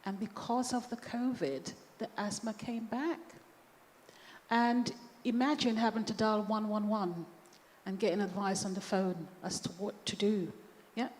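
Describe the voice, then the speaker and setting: A woman's voice: mid-range voice, measured pace. Chatty storytelling woman in a hall. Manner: lively, conversational storytelling. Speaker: panelist. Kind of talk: panel discussion, personal story. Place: church hall. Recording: echoey hall, faint background noise.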